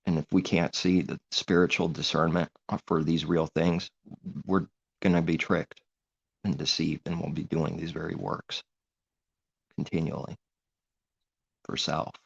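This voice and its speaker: A man with a very deep, gravelly voice preaches informally in an earnest, rambling way. The recording is dull and muffled, with a low-fi edge. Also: fairly even intonation, measured pace, pauses often. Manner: earnest, rambling, grows heated. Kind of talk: informal religious monologue.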